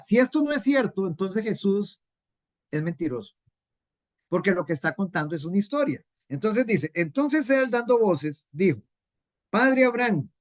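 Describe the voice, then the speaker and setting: A woman teaching a Bible class in an earnest way, repeating key points and asking rhetorical questions. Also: mid-range voice.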